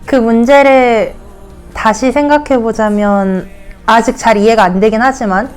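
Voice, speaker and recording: Candid, quick-talking young woman. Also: on the high side, clear, resonant tone, soft background music. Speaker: student interviewee. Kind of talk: interview answers.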